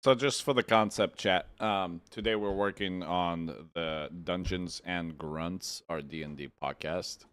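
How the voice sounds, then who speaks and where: A man's voice: low voice, a little slow, few pauses, a bit bright, clear, resonant tone, no echo. A man hosting a livestream, chatting laid-back with viewers while he edits podcast clips. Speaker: streamer and podcast host. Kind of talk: casual livestream chat.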